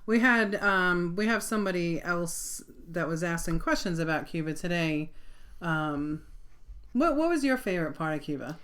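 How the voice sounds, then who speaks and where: A middle-aged woman from Long Island, New York, speaks with a New York accent in a lowish, expressive voice at a moderate pace. She co-hosts a live Q&A stream, chatting casually with warm laughs and plenty of filler ums.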